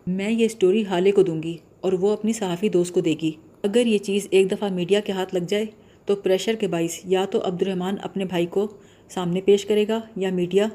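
A woman's voice: mid-range voice, fairly even intonation, dark tone, natural voice. A woman reading an audiobook voices a determined young woman law student, speaking in an earnest, insistent way.

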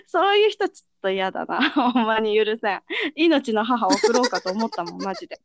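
A woman, chatting casually as a podcast co-host, quick to laugh and react. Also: on the high side, heavy background noise. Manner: laughs often, lively reactions. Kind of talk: casual chat.

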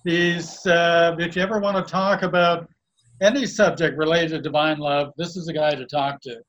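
A man from Canada in a casual conversation, introducing friends in a halting, complimentary way. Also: on the high side, fairly even intonation, fairly bright tone, highs cut off, slight background noise. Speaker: guest and co-host introducing friends.

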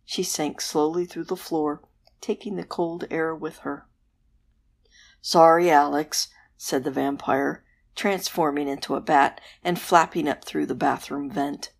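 A woman host narrating a bedtime story in a soft, gentle, unhurried way. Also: deep voice, fairly even intonation, creaky, husky.

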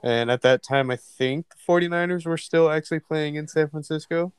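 A man on a podcast recalling a memory in a halting, casual way, with many fillers. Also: on the high side, clean tone, dry recording. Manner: hesitant, lots of ums and likes. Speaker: podcast co-host. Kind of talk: casual storytelling.

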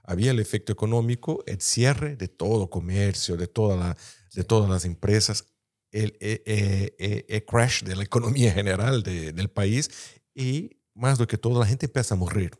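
A man's voice: fairly low pitch, moderate pace, a little mellow. A man with a Brazilian Portuguese accent speaking Spanish mixed with Portuguese, searching for words as he gives conversational political analysis. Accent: Portuguese-influenced Spanish, Brazilian. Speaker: political commentator.

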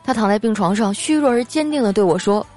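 A woman's voice: mid-range voice, lively intonation, quick pace, a little mellow. A woman hosting a comic show, reading listener jokes in a playful way and laughing often. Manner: playful, laughs often, acts out quoted lines in a raised voice. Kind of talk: comic podcast joke reading. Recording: light background music.

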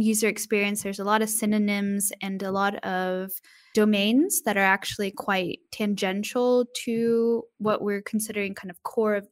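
A woman hosting a podcast in a conversational style. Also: medium pitch. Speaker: podcast host and user experience designer.

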